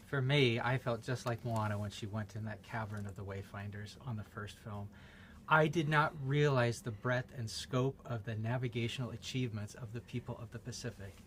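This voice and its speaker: A man's voice: medium pitch, steady tone, moderate pace, a bit bright, slight background noise. A man film director answering interview questions earnestly and proudly, with small restarts.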